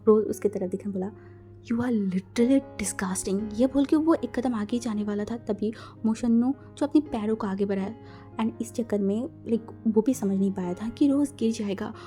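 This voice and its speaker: A woman's voice: fairly high pitch, warm tone. A woman narrating a fan fiction story in a casual, chatty way, full of fillers and restarts.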